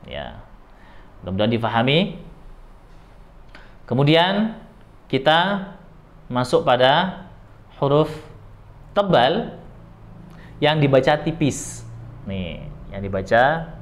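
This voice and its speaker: A man's voice: mid-range voice, big pitch swings, takes it slowly, long pauses. A man teaching how to pronounce Arabic letters, drawing out and repeating syllables before explaining them in short, patient phrases. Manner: patient, repetitive instruction. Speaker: Quran recitation teacher. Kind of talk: lesson on Arabic letter pronunciation.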